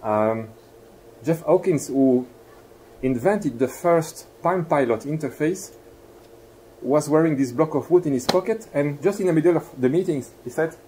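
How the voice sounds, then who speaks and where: Unhurried and slightly mellow, this man's somewhat high voice carries a Belgian accent as he gives a polite, explanatory university guest lecture, putting questions to listeners. The lecture-room recording is rough, with clear background noise.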